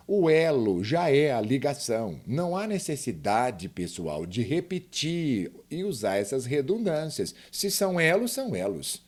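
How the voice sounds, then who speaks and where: A man's voice: medium pitch, a little mellow. A man teaching a grammar lesson, emphatic and often asking the viewer questions.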